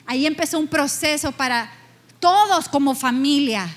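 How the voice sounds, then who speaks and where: A middle-aged woman pastor delivering a heartfelt sermon testimony in a high, light voice. She tells her story with feeling and lingers on key words in slow, emphatic pauses.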